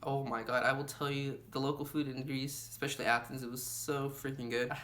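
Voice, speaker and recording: A man's voice: medium pitch, little pitch movement, a little fast, fairly bright tone. A young man vlogging travel advice in a casual, rambling way, full of "you know" and "like". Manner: chatty, lots of fillers like "you know" and "like". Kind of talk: casual travel tips to camera.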